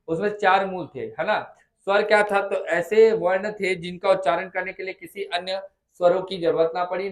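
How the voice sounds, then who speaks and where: Man, Chhattisgarh Hindi accent, classroom tutor, high voice, coaxing, repeats vowel sounds aloud. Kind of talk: classroom lesson. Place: classroom with students.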